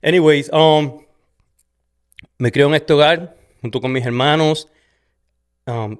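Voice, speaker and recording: A man's voice: a little high, slow. A middle-aged man with a Puerto Rican accent hosts a podcast and shares his personal testimony in a casual, conversational way, often tagging sentences with "¿verdad?" and slipping in an English "so". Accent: Puerto Rican Spanish. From Puerto Rico. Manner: conversational, frequent "¿verdad?" and Spanglish "so". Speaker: podcast host. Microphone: studio camera setup.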